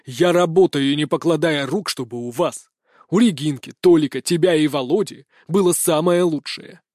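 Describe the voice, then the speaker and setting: An irritable aristocratic father, voiced by a male reader in an audiobook, blustering and then coldly threatening. The voice sits somewhat higher than usual for a man. The recording is close and dry. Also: moderate pace, darkish tone, no echo, close to an everyday voice. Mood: angry. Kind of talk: audiobook character voice.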